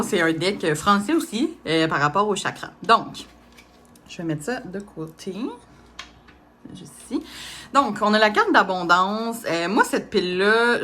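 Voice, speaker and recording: A woman's voice: fairly low pitch, bright, forceful tone, slight background noise. A woman reading tarot cards, speaking casually with many hesitations and small laughs. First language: French. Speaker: tarot reader.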